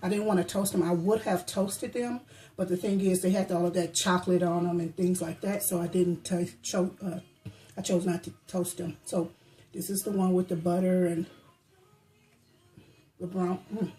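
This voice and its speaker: Mellow-voiced woman chatting while baking. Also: lowish voice, steady tone, normal speed, soft background music, low-quality recording. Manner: chatty, savoring food with frequent hums; talks with mouth full while tasting. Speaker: baking vlogger. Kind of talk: casual chat. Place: home kitchen.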